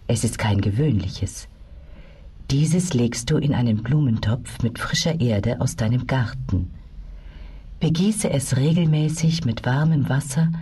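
A kindly fairy acted by a woman speaks very low and slowly, with a breathy hush. She is warm and soothing, as in a storybook, and sits a little away from the mic. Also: recorded from a distance, exaggerated voice. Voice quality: breathy, hushed. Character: kindly, soothing old-world fairy helper, female.

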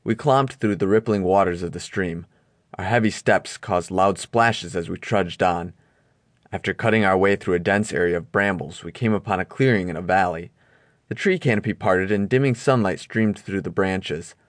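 A man reading an audiobook aloud in measured first-person storytelling narration. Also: sits low, no echo. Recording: dry close studio recording.

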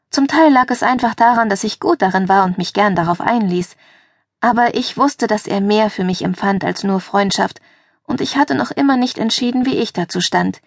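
A young woman reading a first-person novel aloud as an audiobook narrator, lively and lifting her pitch for dialogue. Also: dry recording, studio quality. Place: dry recording booth. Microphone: close studio mic.

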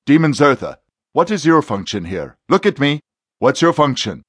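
A man voicing a stern, confident male exorcist in an audiobook, delivering forceful, insistent commands. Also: fairly high pitch, very animated, moderate pace, slightly rough, no echo, studio quality, pitched above the performer's own voice. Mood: commanding. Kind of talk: audiobook character voice.

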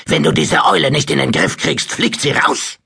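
A man's voice: mid-range voice, very animated, moderate pace, vocal fry, pushed and bright, breathy edge, no echo, clean studio sound, exaggerated voice. A man voicing a blustering, bullying middle-aged uncle who bellows his tirades in an audiobook. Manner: roaring, table-pounding tirades.

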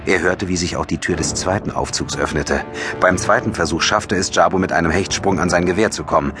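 A man narrating an audiobook in a steady, measured storytelling manner with a husky voice. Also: low voice, music in the background. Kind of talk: scripted narration.

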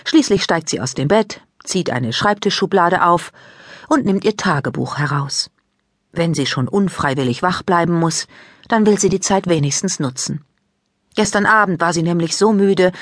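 A woman narrating a children's audiobook in a calm, even storytelling manner. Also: fairly low pitch, moderate pace, no room sound, clean studio sound.

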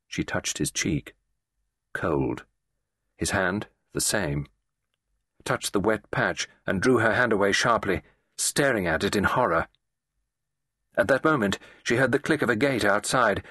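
A man reading a classic mystery as an audiobook narrator, measured and expressive. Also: lowish voice, slightly rough, dry recording, clean studio sound.

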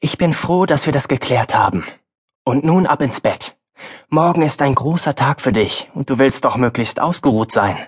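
A man's voice: medium pitch, animated, normal speed, husky. A male audiobook narrator voicing a farm boy's stern, wise mother, speaking firmly and earnestly. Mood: tender. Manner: firm, earnest, then softer.

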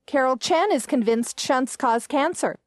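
A woman's voice: sits high, measured pace, dry recording, clean studio sound. A woman voicing a domineering older mother who scolds and makes demands in a storybook reading. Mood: demanding. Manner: scolding, imperious.

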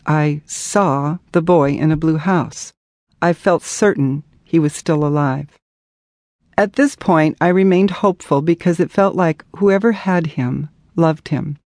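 A woman narrating her own memoir as an audiobook, measured and earnest. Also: low voice, darkish tone, dry recording, clean studio sound.

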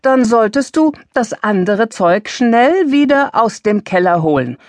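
Brief: easygoing grandmother in a storybook, read by a woman, calm and lively. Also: deep voice, measured pace, dry recording, heavily acted. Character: relaxed lenient grandmother.

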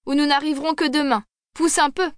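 A woman's voice: high-pitched, fairly even intonation, moderate pace, fairly bright tone, no echo, studio quality, pitched above the performer's own voice. A woman voicing an impatient male military officer in a storybook, pushing the driver on. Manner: impatient, pushy.

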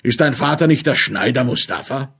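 A man's voice: mid-range voice, animated, normal speed, creaky, fairly bright tone, slightly rough, exaggerated voice. A man voicing a scheming sorcerer who fakes tearful grief and poses as a long-lost uncle, speaking in a theatrical, fawning way. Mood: tearful, coaxing.

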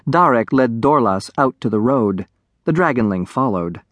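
A man narrating a children's audiobook in a close studio recording, with an expressive, varied storytelling voice. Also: medium pitch, moderate pace, no echo.

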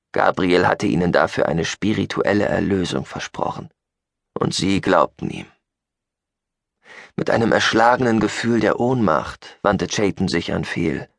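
A man narrating a science-fiction audiobook in an expressive, scripted reading. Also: low-pitched, vocal fry, no echo, studio quality.

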